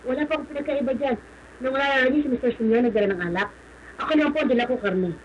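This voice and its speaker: A woman's voice: sits high, racing, slight background noise. A woman from the Philippines giving an earnest, polite personal testimony on the radio, often slipping into English. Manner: earnest, polite, mixes English into her talk. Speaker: radio guest sharing a testimony. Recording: slightly muffled live radio stream.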